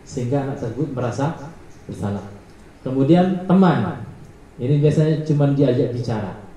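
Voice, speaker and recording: Male teacher, lesson presenter, reads out numbered lists; dark tone, very roomy echo. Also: mid-range voice. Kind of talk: presenting a training module. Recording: echoey room.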